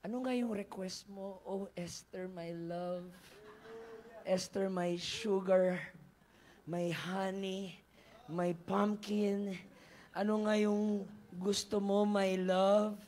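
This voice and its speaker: A man's voice: high-pitched, steady tone, takes it slowly. A preacher acting out a lovesick ancient king who heaps pet names on his queen and bellows in rage. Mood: doting. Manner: doting pet names, then raging shouts.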